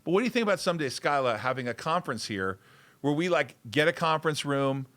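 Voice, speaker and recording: A man hosting a casual livestream show, talking in an excitable, rambling way and repeating himself. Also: a little high, fast. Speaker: show host.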